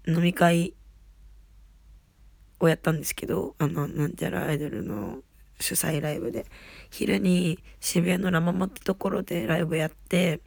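A woman with a raspy, husky voice, an idol hosting her own radio show, rambling along in casual, self-deprecating solo chat. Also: lowish voice, steady tone, moderate pace, a little mellow, no room sound.

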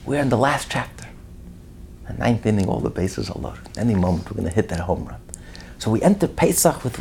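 A man preaching a sermon as a rabbi, emphatic, swinging between loud declarations and hushed asides. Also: on the high side, vocal fry, a little hiss or hum.

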